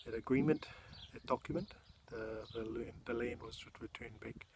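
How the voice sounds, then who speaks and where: A man's voice: medium pitch, steady tone, moderate pace, darkish tone. A middle-aged man with a Māori New Zealand English accent, talking casually and unhurriedly with hesitations as he films a walk-around vlog outdoors. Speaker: vlogger showing family land. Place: outdoors on rural land. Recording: noisy outdoor amateur recording. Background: clear outdoor noise, birds.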